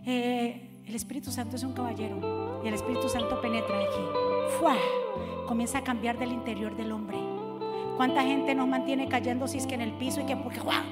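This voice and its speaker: A woman preaching a sermon in a church, building from calm teaching to fiery shouting and acting out the voices of the people she describes. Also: fairly high pitch, fairly quick. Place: church sanctuary. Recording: reverberant church hall with music behind.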